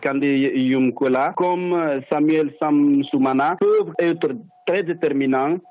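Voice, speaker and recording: A man commenting as a political analyst, thinking aloud and often restarting his sentences. His voice is a bit high for a man. It comes through a tinny, dry phone line. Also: takes it slowly, no room sound. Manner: thoughtful, hesitant, with restarts. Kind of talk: unscripted expert commentary.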